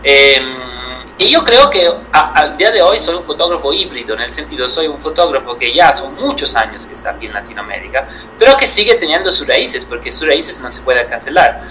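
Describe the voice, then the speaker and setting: Speaking Spanish with an Italian accent, a photographer from Italy in his thirties responds as an interview guest, thoughtful yet hesitant, full of fillers and restarts. His voice is a little high, sharp, very animated and brisk. The rough recording carries a little hiss or hum.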